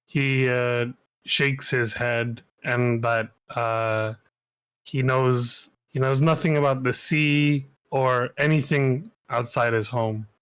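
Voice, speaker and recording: A man's voice: mid-range voice, fairly even intonation, slow pace, a bit bright, smooth, no room sound. A man halts and restarts as he describes his character's gestures. His voice is dry and close. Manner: hesitant, many fillers. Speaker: player.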